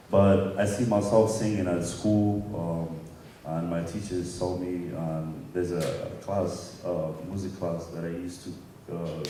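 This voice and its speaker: A man's voice: low-pitched, dark tone. A man in his thirties from Somalia with a Somali accent, telling stories animatedly on stage and laughing often as he acts out voices. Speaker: keynote guest musician. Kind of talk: onstage interview storytelling. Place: conference hall stage. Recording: roomy hall sound from far off, faint noise.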